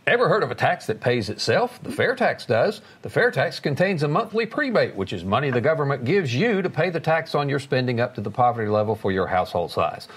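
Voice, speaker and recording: A man doing a smooth radio ad announcer, reading promotional copy with practiced polish. The voice is a touch husky, at an average male pitch. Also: sing-song, fairly quick, few pauses. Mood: upbeat pitch.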